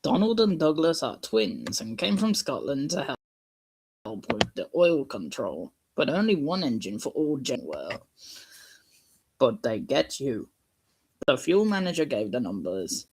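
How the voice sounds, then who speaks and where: A man's voice: mid-range voice, sing-song, measured pace. A man hosting a livestream, reading a garbled translated story aloud in a jokey, self-interrupting way, joking between lines. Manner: jokey, self-interrupting, puts on silly voices. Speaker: livestream host. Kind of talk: casual mock reading. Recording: noisy home stream with clicks.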